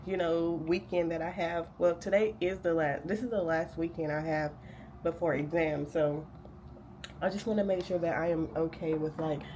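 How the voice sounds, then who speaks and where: In a casual day-in-the-life vlog, a young graduate student gets ready to study, chatting and rambling with plenty of fillers. Her voice sits on the low side with a darkish tone and a cold-induced nasality, and a faint hiss or hum runs underneath.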